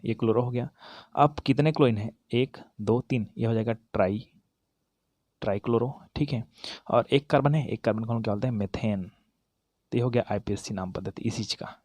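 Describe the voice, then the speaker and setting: A man's voice: mid-range voice, a little mellow, dry recording. A man teaching a chemistry lesson to students, talking directly to them, asking and then answering his own questions, and correcting himself as he goes. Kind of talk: classroom-style lesson, explaining while writing.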